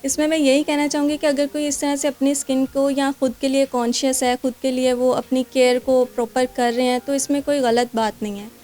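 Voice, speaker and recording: A Pakistani-accented woman doctor talks through skin treatments in an interview, pausing on fillers and slipping in English medical words. Her voice sits a little high, mellow and warm in tone, held to a narrow, even melody. Faint music plays under her. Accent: Pakistani Urdu. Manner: explanatory, with many fillers and English terms. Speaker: clinic doctor. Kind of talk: interview answers. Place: skin clinic.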